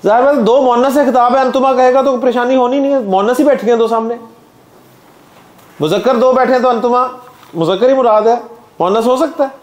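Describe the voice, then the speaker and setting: A man's voice: extremely high pitch, brisk. A man teaching Arabic grammar in a classroom, chanting word lists in a sing-song drill and explaining to his students.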